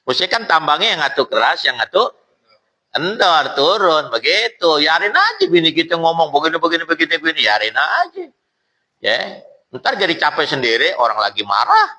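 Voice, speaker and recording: A man's voice: fairly high pitch, normal speed, rough recording. A male preacher, giving a casual, jokey sermon at a mosque study circle. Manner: lively, jokey, colloquial, acts out quotes.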